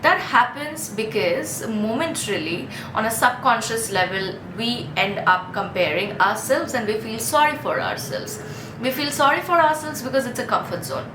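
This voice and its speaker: Woman in her thirties, earnest chatty vlogger, a bit high-pitched, recorded echoey over loud ambient noise. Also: normal speed. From India. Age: 30s. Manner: earnest, chatty, frequent restarts and "right?" tags. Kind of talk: casual self-help talk to camera. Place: Mumbai street with ambient noise.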